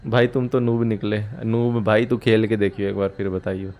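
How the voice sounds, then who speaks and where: Excitable man streaming a horror game. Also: on the low side, normal speed. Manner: excitable, shouts in panic during fights. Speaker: gaming streamer. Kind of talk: live gameplay commentary.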